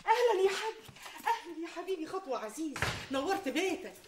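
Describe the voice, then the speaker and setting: An actress with an Egyptian accent playing a middle-aged mother and wife, loud and scolding, often breaking into laughter. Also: extremely high pitch, big pitch swings, fast talker, noisy background. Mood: welcoming. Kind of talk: film acting.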